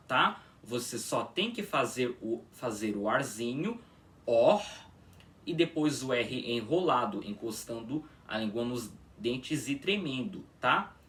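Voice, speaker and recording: A man teaching a pronunciation lesson, demonstrating each sound slowly and checking in with his students. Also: medium pitch, fairly bright tone, far from the mic. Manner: drawn-out patient demonstrations, frequent "tá?" checks. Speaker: language teacher.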